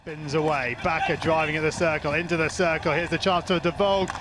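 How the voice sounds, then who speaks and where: A man's voice: fairly high pitch, fairly even intonation, brisk, heavy background noise. A man giving live field hockey commentary as a match commentator. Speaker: sports commentator. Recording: loud crowd and music behind.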